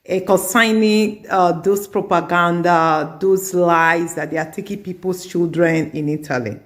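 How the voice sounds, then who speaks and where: A woman's voice: lowish voice, fairly even intonation, unhurried. A middle-aged woman, telling a story in an earnest advice vlog and repeating her points for emphasis. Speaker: community advice vlogger.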